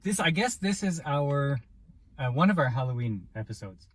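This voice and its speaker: A man's voice: on the high side, big pitch swings, normal speed. A man co-hosting a casual movie review chat, telling the story in a loose, rambling way. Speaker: podcast co-host.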